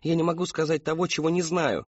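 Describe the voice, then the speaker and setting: A man's voice: fairly high pitch, steady tone, quick pace, dry recording, muffled recording, voice pushed up, lightly acted. A man voicing a frightened teenage girl who pleads and tearfully confesses in a storybook reading. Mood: pleading.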